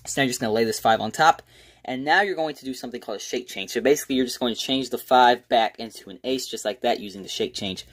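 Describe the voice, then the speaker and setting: A man's voice: mid-range voice, fast, fairly bright tone. A man presenting a casual, step-by-step magic tutorial in an informal, self-deprecating way.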